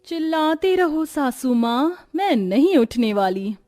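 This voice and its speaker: A woman's voice: high-pitched, sing-song, slow pace, mellow, faint music behind, heavily acted. A woman voicing a lazy, scheming young bride in a cartoon, whiny, sly and theatrical. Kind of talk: Hindi cartoon voice acting.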